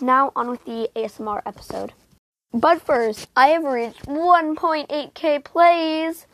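A woman's voice: fairly high pitch, low-quality recording. Young woman rambling on her podcast. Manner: rambling with many fillers. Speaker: podcast host. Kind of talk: casual chat.

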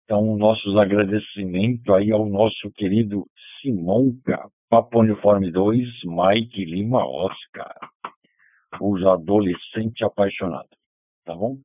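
A man's voice: fairly low pitch, fairly even intonation, unhurried, dry recording. A Brazilian man hosting an amateur radio net, heard over digital voice radio, giving courteous, formal operator talk with phonetic call signs. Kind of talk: roll call and sign-off over ham radio. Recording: phone-like narrowband radio transmission.

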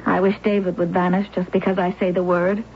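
An actress with a fairly low voice and little pitch movement speaks a little fast in a lightly acted reading, with a bit of hiss or hum. In a 1970s radio drama, she narrates and plays an anguished young wife in a wheelchair, intense and pleading until she breaks into despair. The recording sounds like a muffled old radio broadcast with music.

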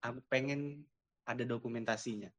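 A man hosting a casual conversation, agreeable and quick to affirm, sharing his own thoughts. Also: mid-range voice, fairly even intonation, a bit bright.

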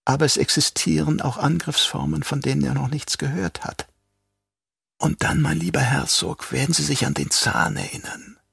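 A man voicing a sly, half-mad old doctor who turns traitor, speaking in a hushed, whispery, drawn-out voice. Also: fairly high pitch, sing-song, creaky, husky, no echo, voice pushed up, exaggerated voice. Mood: sly menace.

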